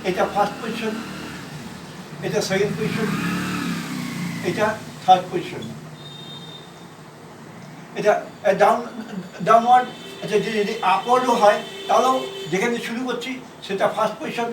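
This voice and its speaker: A man from India teaching a shorthand class, explaining slowly and repeating himself, letter by letter. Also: high-pitched, fairly even intonation, background noise. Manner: repetitive, halting, spells out letters. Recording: echoey room from far off.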